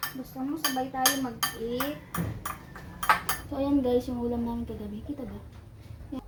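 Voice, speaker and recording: A woman's voice: high voice, fairly even intonation, normal speed. A young woman vlogging about her day at home as a mom, chatting to viewers and cooing to her child in sing-song baby talk. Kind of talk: casual home vlog. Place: indoors at home. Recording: noisy home recording.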